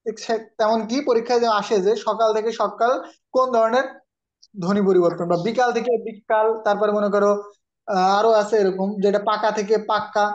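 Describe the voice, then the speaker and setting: A man's voice: sits high, flat delivery, fairly quick, lo-fi sound. Man teaching a Bengali grammar class. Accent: Bangladeshi Bengali. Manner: explains patiently, scolds students, calls on them by name. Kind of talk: online exam-prep grammar class.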